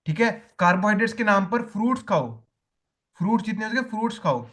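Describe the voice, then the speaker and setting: Male coach, high voice, repetitive classroom teaching style. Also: lively intonation, a little fast, a bit bright. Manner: repetitive, tells listeners to write points down. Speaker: diet coach. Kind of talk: spoken lesson to coaches.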